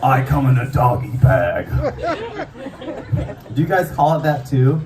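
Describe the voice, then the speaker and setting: A man's voice: medium pitch, very animated, a little slow, background noise. A man, a musician, improvising sung lines and joking with the crowd in a playful, freewheeling way at a live venue. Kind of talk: improvised singing and stage banter. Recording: echoey live venue from far off. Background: loud live guitar.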